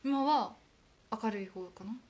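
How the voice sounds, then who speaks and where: A woman's voice: a little high, a little slow, a little mellow. A young woman from Aomori co-hosting a casual chat podcast with her sister, telling stories in a chatty, self-deprecating way. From Aomori, Japan. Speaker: podcast co-host.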